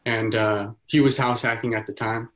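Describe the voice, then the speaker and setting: A man's voice: fairly low pitch, steady tone, moderate pace, fairly bright tone, poor audio. A man from California, a guest investor talking matter-of-factly on a video call. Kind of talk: casual video call chat.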